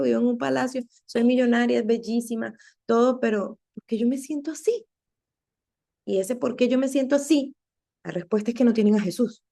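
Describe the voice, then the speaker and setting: A woman giving an earnest, conversational devotional talk to other women, often checking in with quick rhetorical questions. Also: medium pitch, darkish tone. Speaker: women's ministry teacher.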